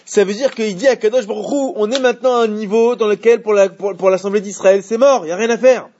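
Un homme qui donne un cours de Torah de façon animée et pose des questions à ses élèves. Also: male voice, high voice, fast, highs cut off. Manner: animated, asks the class questions. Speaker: Torah teacher. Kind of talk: Torah class.

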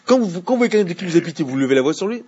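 Homme enseignant animé à la voix aiguë. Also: male voice, high-pitched, very fast, breathy edge, lo-fi sound. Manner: animated, asks the class questions. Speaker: Torah teacher. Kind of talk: Torah class.

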